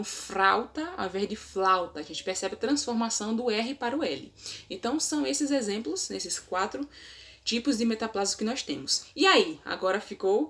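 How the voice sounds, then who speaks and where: A woman giving a video lesson, explaining with many examples, tag questions and hesitant restarts. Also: a little high. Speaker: teacher. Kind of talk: video lesson on Portuguese phonology.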